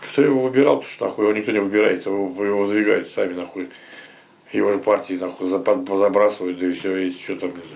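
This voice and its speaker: Gravelly low-voiced man, blunt and sweary. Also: steady tone, fast, a little mellow. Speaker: village resident being interviewed. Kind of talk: casual chat.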